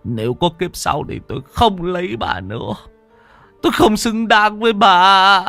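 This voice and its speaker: A man's voice: sits high, animated, extremely slow, creaky, a bit bright, voice pushed up, exaggerated voice. A broken, remorseful middle-aged husband speaks in choked, sobbing phrases, voiced by a man reading a story. His voice rises and falls widely. Faint music plays underneath.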